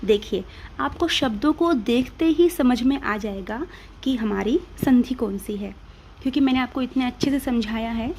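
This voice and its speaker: A woman's voice: fairly high pitch, moderate pace, darkish tone, a little hiss or hum. An Indian woman teaching grammar, patiently asking and answering her own questions step by step. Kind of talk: classroom-style explanation.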